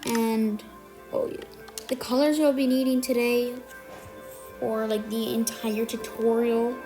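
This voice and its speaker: A tutorial maker who's a little sick today guides listeners through a building tutorial one step at a time, counting out blocks and catching small errors. The speech is warm, level, and unhurried at a medium pitch. Music plays beneath the voice.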